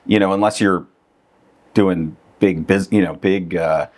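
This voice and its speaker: Low-voiced man chatting as podcast guest. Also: fairly even intonation, measured pace, darkish tone. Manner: conversational, laughs often, many fillers. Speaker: real estate agent guest. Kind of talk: casual podcast conversation.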